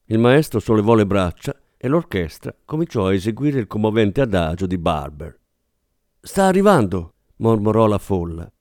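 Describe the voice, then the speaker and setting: A man reading a novel aloud as an audiobook narrator, expressive and dramatic. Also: on the low side, normal speed, few pauses, no echo, studio quality. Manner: expressive, dramatic, does character voices.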